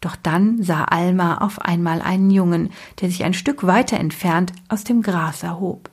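A woman with a breathy voice reading a children's book aloud expressively, dropping to a whisper at tense moments. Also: lowish voice, moderate pace. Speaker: storyteller.

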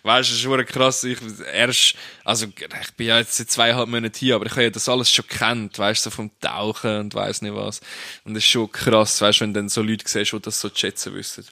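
A man's voice: fairly low pitch, level tone, brisk, creaky, sharp tone. A young man with a Swiss German accent, a snorkel guide chatting casually and acting out the people in his stories. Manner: chatty storyteller, acts out quotes. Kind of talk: casual chat.

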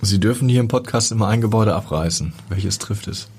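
A man's voice: lowish voice, brisk, a little mellow, a little hiss or hum. A man hosting a podcast interview in a studio, asking questions in a friendly, conversational way. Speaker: podcast host. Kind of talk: casual interview.

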